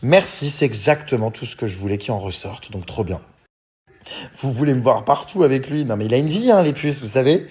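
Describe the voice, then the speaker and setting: A man's voice: mid-range voice, animated, brisk, darkish tone, husky. A man in his thirties vlogging casually to his followers, chatty and full of fillers, reading out and answering fan messages. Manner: chatty, many fillers like hein and euh; often laughs while talking. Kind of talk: casual story chat to followers.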